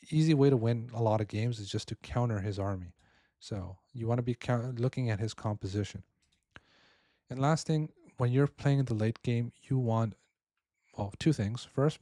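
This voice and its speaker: Male coach reviewing a viewer's match. Mellow, dry close-mic voice, tired and a bit worn. Talks it through step by step with a habitual "right?". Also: medium pitch, dry recording. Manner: explains step by step, keeps asking "right?". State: tired, voice wearing out. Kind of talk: casual strategy commentary.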